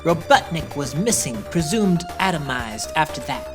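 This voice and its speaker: A young cartoon hedgehog hero played by a woman recaps his own story. The voice is low for a woman, matter-of-fact and wry, with music clearly underneath. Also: expressive, moderate pace. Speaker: narrator. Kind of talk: scripted first-person recap narration.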